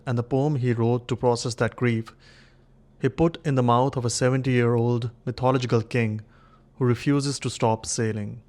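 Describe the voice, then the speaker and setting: A man giving an earnest scripted narration in a brisk, storytelling manner with clipped pauses. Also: medium pitch. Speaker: video essay narrator.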